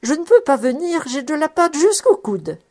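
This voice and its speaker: A woman reading aloud, voicing a busy, friendly old housekeeper who calls out loudly. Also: big pitch swings, normal speed. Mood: calling out. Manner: high, loud calling out.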